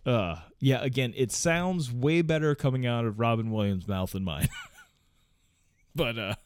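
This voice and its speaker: A man's voice: medium pitch, clear, resonant tone, no echo. Rambling man with a dry podcast sound. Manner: rambling, halting, many fillers and restarts; profane, chuckles often. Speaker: podcast host. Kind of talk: casual solo podcast chat.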